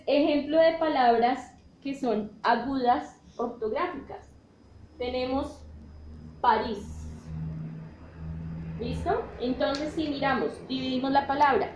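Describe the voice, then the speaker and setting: A woman's voice: high voice, a little mellow. A woman teacher, explaining step by step in a classroom style and checking in with her students often. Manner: checks in with "¿listo?" often, spells out letters. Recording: echoey room with faint noise.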